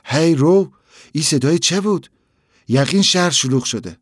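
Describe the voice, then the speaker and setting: A man's voice: mid-range voice, animated, warm tone, no echo, studio quality, natural voice. A man reading the lines of a worried, fretful old grandmother who scolds and exclaims. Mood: anxious.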